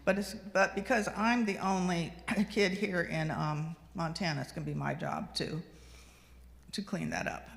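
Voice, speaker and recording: A woman in her sixties, a lay speaker, gives a personal reflection talk to a congregation in a fellowship meeting hall, telling stories conversationally with frequent ums and restarts. Her low, gravelly voice is steady and measured. The livestream carries long hall reverb.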